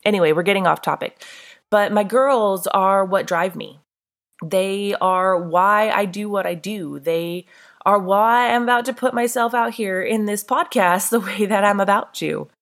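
A North Carolina woman hosts her own solo podcast, talking casually in a candid, earnest, conversational way. She's congested, with a throaty, stuffed-up voice that's mid-range and unhurried.

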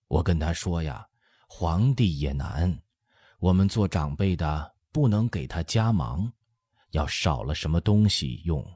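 A man voicing an eighty-year-old empress dowager who gently lectures her son in an audiobook. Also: low-pitched, breathy edge, no echo, clean studio sound, full character voice. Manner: soothing, lecturing, drawn-out chatty. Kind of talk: audiobook character voice.

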